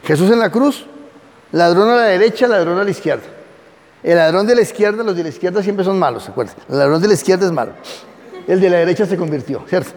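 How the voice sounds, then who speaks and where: A man's voice: high-pitched, animated, quick pace, a little mellow, big-room sound. A man teaching a Bible class, reading from notes and often asking his listeners questions. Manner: conversational, asks the audience questions; reads aloud from notes and comments. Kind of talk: classroom lecture.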